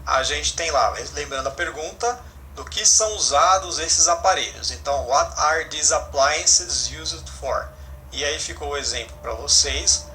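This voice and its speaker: Bright-voiced male English teacher. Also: mid-range voice, a little hiss or hum. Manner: explanatory, frequent "né?" and self-corrections. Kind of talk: online class explanation.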